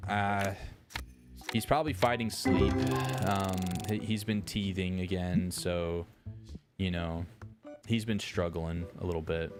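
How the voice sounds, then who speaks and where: A man streaming live, chatting casually in a rambling, relaxed way and answering his chat. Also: low voice. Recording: music playing behind.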